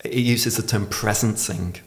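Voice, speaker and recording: Appearing as a podcast guest, a man in his forties explains things reflectively in conversation, pronouncing r as w. His voice is lowish and steady at a measured pace, picked up by a podcast microphone on a desk stand.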